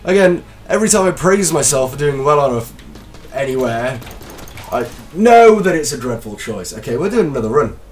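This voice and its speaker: A let's play host with a slight cold casually commentates his gameplay, excitable and self-deprecating. His voice is medium-pitched and moderately paced, the mic sits at a distance, and faint music plays behind him.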